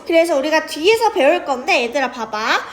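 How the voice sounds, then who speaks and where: Young female tutor, high pitch, casual classroom explaining, frequent check-ins. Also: lively intonation, fairly quick, a little hiss or hum. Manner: chatty, checks in with students often. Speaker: teacher. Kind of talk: grammar lesson to students.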